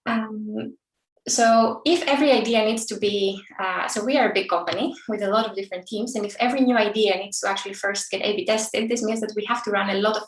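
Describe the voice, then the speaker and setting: A woman's voice: mid-range voice, fairly even intonation, fairly quick. A woman in her thirties from Greece, giving a friendly technical talk over a video call, with frequent fillers and restarts. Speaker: conference speaker. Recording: roomy and distant from the mic.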